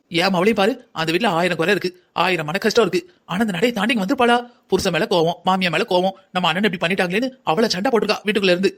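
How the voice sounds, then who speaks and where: A man's voice: sits high, fairly bright tone. A man voicing a stern middle-aged mother in a cartoon story who scolds her daughter with rhetorical questions.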